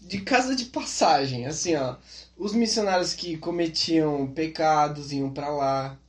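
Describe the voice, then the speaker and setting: Man telling lively anecdotes on a podcast. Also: fairly high pitch, unhurried, roomy sound. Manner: animated, acts out quotes. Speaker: guest. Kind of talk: casual storytelling on a podcast.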